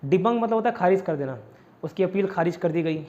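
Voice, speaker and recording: Higher-voiced man drilling vocabulary. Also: expressive, a little fast, darkish tone, muffled recording. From India. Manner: repetitive drilling, mixing Hindi and English. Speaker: vocabulary teacher. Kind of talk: online exam-prep lesson.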